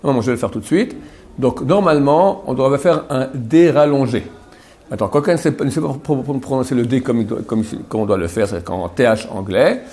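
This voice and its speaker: A man teaching a religious class. He talks in a chatty way, checks often that the class follows, and slowly repeats words to show how they are said. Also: mid-range voice, a little mellow. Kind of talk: Torah class on Hebrew pronunciation.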